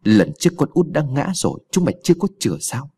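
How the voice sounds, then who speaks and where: A man voicing a worn-out old peasant mother who curses and scolds rapidly, in a husky low voice. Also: lively intonation, a little mellow. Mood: scolding.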